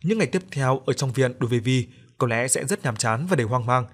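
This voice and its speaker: A man narrating a ghost story in a steady, even reading. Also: medium pitch, quick pace. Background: faint music.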